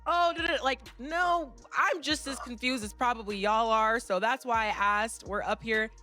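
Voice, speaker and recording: A woman's voice: on the high side, moderate pace, bright, forceful tone, faint music behind. A woman co-hosting a talk show, speaking in a casual panel style.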